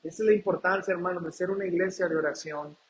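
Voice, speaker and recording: A man preaching a sermon, asking the congregation questions and reading scripture slowly. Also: high voice, steady tone, a little hiss or hum, low-quality recording. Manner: reads scripture aloud slowly and deliberately. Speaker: pastor.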